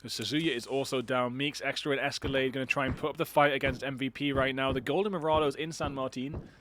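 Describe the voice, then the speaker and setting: A man's voice: medium pitch, fairly even intonation, fast talker, a bit bright, slight background noise. A man casting an online shooter match alone, chatty and rambling, with self-deprecating asides. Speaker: esports caster. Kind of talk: solo game commentary.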